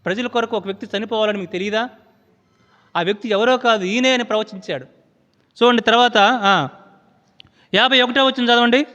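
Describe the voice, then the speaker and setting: A male pastor preaching in a church hall. His voice sits very high and sounds bright and forceful. He keeps asking the congregation questions, restarts his phrases and lets a long reverb trail after his words. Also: fairly quick, pauses often, muffled recording. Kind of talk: sermon.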